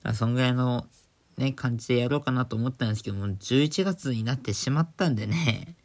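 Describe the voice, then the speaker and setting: A man hosts his own casual talk show, keeping his voice low because it is late at night. He rambles with many fillers and giggles now and then at his own jokes. It is recorded indoors on a phone. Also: fast. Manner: hushed, holding back volume for a late recording. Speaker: podcast host. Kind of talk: casual solo radio talk.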